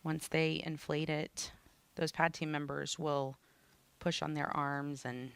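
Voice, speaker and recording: A woman's voice: low-pitched, little pitch movement, slow pace, gravelly, clean tone. A woman giving live explanatory commentary, conversational and plain in how she explains technical terms. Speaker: launch broadcast commentator.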